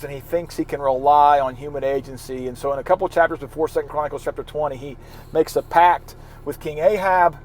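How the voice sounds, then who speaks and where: A man giving an informal devotional talk as a pastor, earnest and encouraging, often halting and repeating words. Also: fairly high pitch, slight background noise.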